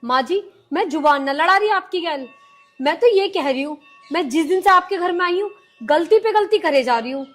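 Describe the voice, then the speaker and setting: Young daughter-in-law, long-suffering, pleading, high voice, light music behind. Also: female voice, lively intonation, normal speed. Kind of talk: village film drama.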